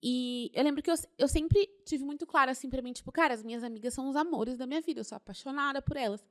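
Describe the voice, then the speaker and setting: A young woman chatting casually on a podcast, animated, laughing often and repeating words for emphasis. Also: sits high, quick pace. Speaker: podcast co-host.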